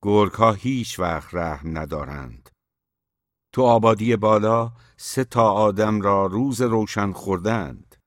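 A man reading an audiobook, voicing a gruff, taciturn old man who gives curt, terse replies. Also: on the low side, dry recording, studio quality, close to an everyday voice.

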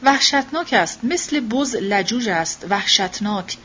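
A woman's voice: medium pitch, animated, fairly bright tone, breathy edge, dull audio. A woman voicing an anxious, proud young mother who speaks in an emotional, insistent way.

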